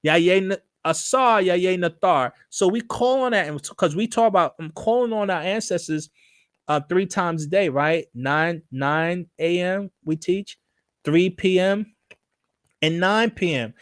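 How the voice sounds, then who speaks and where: A man hosting a live stream, teaching and answering viewer questions, often repeating himself and slowly chanting invocations. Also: high voice, no echo. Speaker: host of a live religious show.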